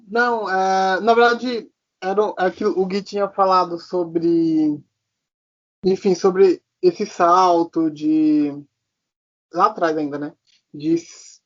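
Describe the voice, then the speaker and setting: A man in his twenties co-hosting a podcast, talking casually and animatedly, with surprised exclamations and trailing thoughts. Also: sits high. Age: 20s. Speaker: podcast co-host. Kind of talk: casual chat. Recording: slightly dull podcast audio.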